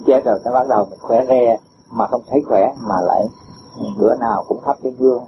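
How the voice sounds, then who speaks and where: A man's voice: medium pitch, a little fast. A man giving a patient Buddhist dharma talk, explaining with homely examples and chuckling often. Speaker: Buddhist teacher. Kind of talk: dharma talk answering a disciple. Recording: dull lo-fi recording with faint hiss.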